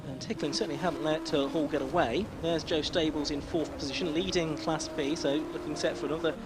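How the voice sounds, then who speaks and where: A man's voice: on the high side, steady tone, brisk. A man working as a motorsport commentator, calling a race live with descriptive play-by-play. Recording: noisy trackside outdoor sound, engines behind.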